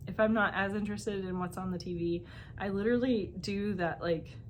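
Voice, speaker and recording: A woman talks casually at home as the host of her knitting vlog, rambling from one aside to the next and filling pauses with lots of ums. Her voice sits in a middling pitch, with a faint hiss of noise under it. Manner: chatty, rambling, many fillers and asides. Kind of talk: casual chat.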